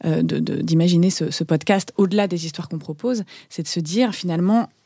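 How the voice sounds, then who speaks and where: Playful woman host with a mellow voice. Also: on the low side, a little fast, vocal fry, slightly rough, no echo, studio quality. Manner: playful, teasing, easygoing. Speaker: podcast host. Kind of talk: casual conversational interview.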